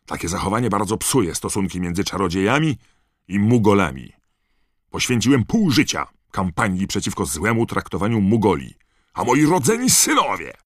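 A man voicing an angry middle-aged wizard father who shouts and scolds his sons. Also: fairly low pitch, wildly swooping pitch, slow pace, vocal fry, no room sound, studio quality, voice pushed up, exaggerated voice. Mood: angry scolding.

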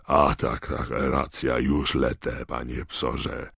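A huge, simple gamekeeper, read by a man, bumbling along plainly in a very deep voice. The recording is dry and close, storybook-style. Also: little pitch movement, slow pace, creaky, fairly bright tone, slightly rough, dry recording, heavily acted. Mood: gruff. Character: huge clumsy male gamekeeper, simple and loyal.

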